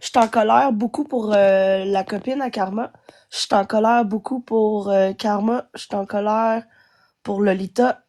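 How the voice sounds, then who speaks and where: A woman's voice: mid-range voice, dark tone. Angry ranting Québécois woman. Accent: Québécois French. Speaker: guest. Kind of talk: angry live-stream rant.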